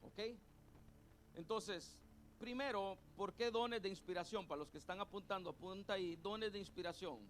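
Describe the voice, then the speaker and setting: A middle-aged male pastor preaching a sermon, leading the congregation to repeat terms after him and repeating his points slowly. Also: high-pitched, a bit bright, a little hiss or hum. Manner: call-and-response teaching, has the congregation repeat terms; spells out words letter by letter and repeats points slowly.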